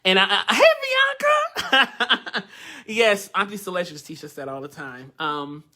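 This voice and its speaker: A male voice teacher leads a live online workshop in a bright, forceful voice. He talks in a loose, chatty way, laughs often, and calls out to viewers as he teaches. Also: a little high, normal speed.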